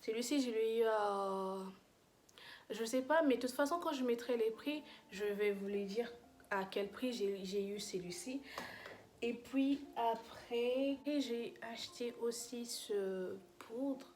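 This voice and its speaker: A woman's voice: a little high, slow pace, darkish tone. A young woman chatting casually in a makeup review vlog, gushing and full of fillers and restarts. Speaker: beauty vlogger.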